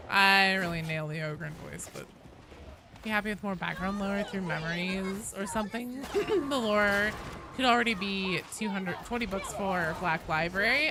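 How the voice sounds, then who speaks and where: Amid background noise, a woman with a medium-pitched voice live streams a video game, chatting casually. She reads out viewer comments and answers them in a joking, sweary manner.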